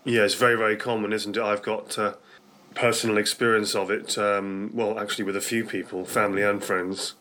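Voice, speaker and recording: A man's voice: lowish voice, level tone, brisk, sharp tone, a little hiss or hum. A man with a British accent hosting a talk radio interview, speaking conversationally in a hesitant, rambling way with repeated words.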